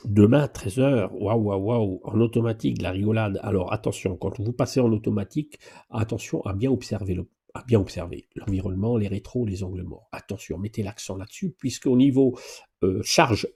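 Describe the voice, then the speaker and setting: Male driving instructor, informal live Q&A; dark, mellow tone with gravelly fry; familiar, playful delivery. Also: on the low side, a little fast. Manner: familiar, chatty, addresses viewers informally; lively exclamations and playful asides. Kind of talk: casual live Q&A driving lesson.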